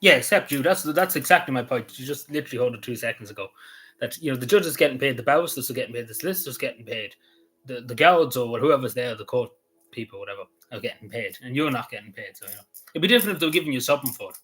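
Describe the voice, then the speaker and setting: A mid-range male voice races along, animated and fairly bright. The speaker is an Irish man on a livestream chatting casually with his viewers, rambling and peppering his replies with "you know" and restarts.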